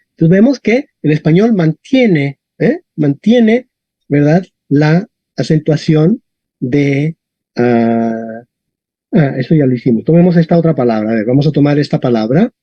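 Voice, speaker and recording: Lively man teaching a class. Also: a little high, unhurried, husky, no room sound. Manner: lively, frequent tag questions. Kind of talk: classroom lesson on Latin stress. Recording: dull, dry lo-fi sound.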